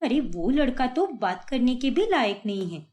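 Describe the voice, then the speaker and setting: Brief: woman as a steady cartoon big sister, soothing then firm. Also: on the high side, normal speed. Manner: soothing, resolute. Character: young elder sister, calm and determined. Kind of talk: cartoon voice acting.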